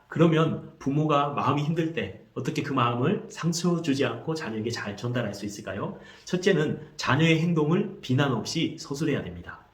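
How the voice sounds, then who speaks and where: A man giving a calm, explanatory parenting lesson, acting out short everyday dialogues. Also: mid-range voice. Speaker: parenting teacher. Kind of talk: instructional talk. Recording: echoey room.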